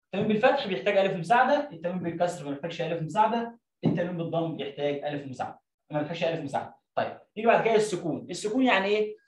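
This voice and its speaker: High-voiced Egyptian teacher, roomy lo-fi recording. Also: male voice, animated, distant mic. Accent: Egyptian Arabic. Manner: drawn-out syllable-by-syllable drilling. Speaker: Arabic teacher. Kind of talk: explaining a reading lesson. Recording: roomy, dull lo-fi sound.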